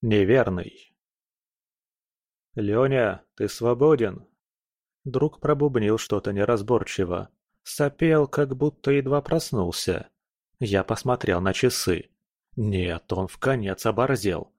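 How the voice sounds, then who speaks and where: A man's voice: on the low side, a little slow, a little mellow, no echo, studio quality. A man narrating a first-person audiobook in a wry, blunt manner.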